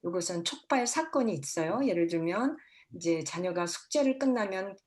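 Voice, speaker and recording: A woman's voice: fairly low pitch, expressive, normal speed, a little mellow. A middle-aged woman counselor lecturing parents, acting out parents and children in quoted lines and mixing English words into her talk.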